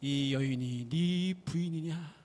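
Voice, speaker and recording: A man voicing an old male mountain spirit in a folk tale, speaking in a slow, drawn-out, stately way. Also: fairly high pitch, darkish tone. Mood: solemn.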